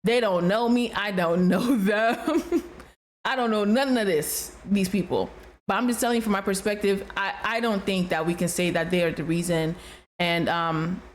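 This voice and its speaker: A woman's voice: mid-range voice, fairly even intonation, moderate pace. A woman with a Nigerian accent, a realtor giving casual commentary in a conversational, emphatic way with frequent restarts.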